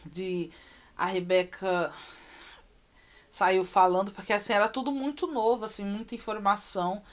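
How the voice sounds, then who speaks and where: A woman, a mother telling the story of her daughter's surgery in a personal vlog, emotional and repeating herself with many pauses. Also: medium pitch, fairly even intonation.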